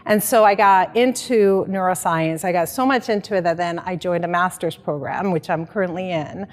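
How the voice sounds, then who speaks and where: A woman's voice: lowish voice, moderate pace, big-room sound. Woman from the Dominican Republic, reflective. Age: 40s. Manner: reflective, earnest storytelling. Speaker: life coach. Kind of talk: personal story in an interview.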